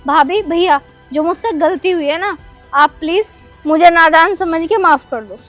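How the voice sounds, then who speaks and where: An actress with a Haryanvi accent playing a stubborn, fashionable aunt who is sharp and defensive. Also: female voice, very high-pitched, measured pace, soft background music. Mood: pleading. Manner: sharp and defensive, then pleading. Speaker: actor in a rural family film.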